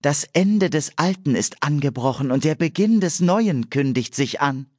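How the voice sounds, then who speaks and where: A male audiobook narrator voicing an ancient male nymph who chants a prophecy in a slow, high, drawn-out way. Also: animated, a little mellow, no echo, studio quality. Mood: prophetic. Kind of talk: audiobook character voice.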